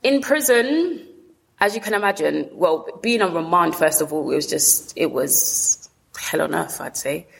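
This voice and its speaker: South london woman, low voice, open personal interview chat, slangy and keeps rephrasing. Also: moderate pace, gravelly, a bit bright, rough recording. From south London, England. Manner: colloquial, talks in short bursts with frequent rephrasing. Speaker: interview guest. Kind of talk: candid personal storytelling in an interview.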